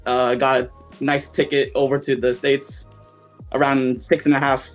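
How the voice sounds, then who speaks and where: A man from southern Vietnam, a podcast guest, talking in a relaxed, chatty way with lots of fillers. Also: mid-range voice, moderate pace, soft background music, poor audio. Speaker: podcast guest, esports player. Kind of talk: casual chat.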